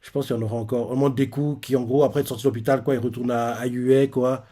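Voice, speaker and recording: A man's voice: medium pitch, steady tone, fast talker, mellow. A man casually retelling a manga chapter as a reaction host, in a loose, filler-heavy way with many asides.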